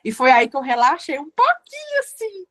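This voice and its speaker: A woman's voice: high-pitched, huge pitch swings, moderate pace, fairly bright tone. A woman with a Minas Gerais Brazilian accent telling an emotional personal story, acting out the dialogue as she goes. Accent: Brazilian Portuguese, Minas Gerais. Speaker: student giving a testimonial.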